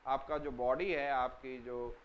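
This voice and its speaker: A man's voice: medium pitch, steady tone, takes it slowly, dull audio, slight background noise. A man teaching a lesson for children, asking questions and answering them himself, repeating key words and spelling some out letter by letter.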